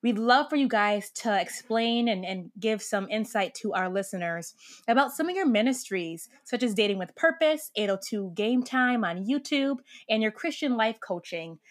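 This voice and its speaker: Upbeat woman podcast host, higher voice. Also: lively intonation. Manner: enthusiastic, quick to laugh.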